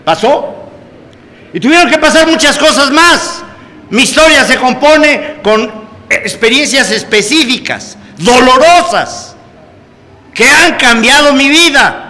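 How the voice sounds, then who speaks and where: A man with a Mexican accent giving a personal testimony to a meeting, earthy and full of swearing, swinging between loud emphasis and low confiding tones. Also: expressive, slow. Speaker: speaker sharing his testimony at a recovery meeting. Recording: echoey hall, faint background noise.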